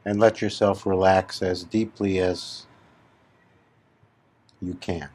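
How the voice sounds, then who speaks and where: In this slow meditation talk, a spiritual teacher with a deep voice moves through short, deliberate phrases, leaving long pauses between them. His pitch barely moves and his tone is on the dark side.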